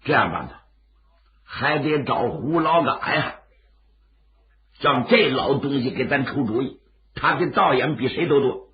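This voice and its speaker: A male storyteller voicing a steady, brotherly bandit ally in a traditional tale, gravelly and dramatic. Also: medium pitch, lightly acted. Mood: concerned, advising. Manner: dramatic, measured and colloquial. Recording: dull, lo-fi audio.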